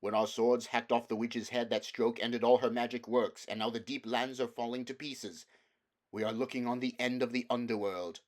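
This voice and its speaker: A man's voice: mid-range voice, fairly even intonation, normal speed, natural voice. A man voicing a noble young prince in a storybook reading, with archaic, formal, declamatory speech. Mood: bold, resolute.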